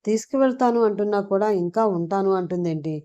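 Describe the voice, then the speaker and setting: A woman's voice: mid-range voice, fast, mellow, lo-fi sound, lightly acted. Woman voicing a jealous, insistent fiancé. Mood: irritated. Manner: irritated, insistent. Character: young man, possessive jealous fiancé.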